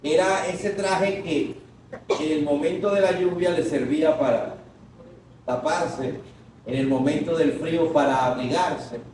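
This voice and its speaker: A man's voice: fairly high pitch, measured pace, background noise. Preaching man in an echoing church. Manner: call-and-response preaching, bursts of shouted quotes. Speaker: pastor. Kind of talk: sermon. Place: large echoing church hall. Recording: echoey distant church recording.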